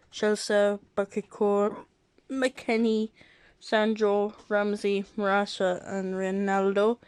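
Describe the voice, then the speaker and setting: The recording is dry and low-quality, carrying a woman's clear, resonant, medium-pitched voice. She's a football vlogger with the hiccups giving a casual live reaction, listing lineups and results and constantly saying sorry.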